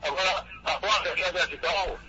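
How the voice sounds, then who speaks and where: A man's voice: sits high, fairly quick. A man calling in on speakerphone, giving a matter-of-fact status report in short sentences. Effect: on speakerphone over a phone line. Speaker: phone-in caller, road signage worker. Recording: dull phone line with crowd noise behind.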